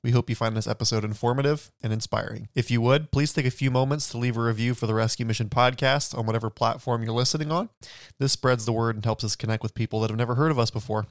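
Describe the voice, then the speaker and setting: A man's voice: medium pitch, fairly even intonation, fast talker, dry recording, studio quality. A man hosting a podcast, reading a friendly scripted introduction and then giving short interview prompts. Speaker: podcast host.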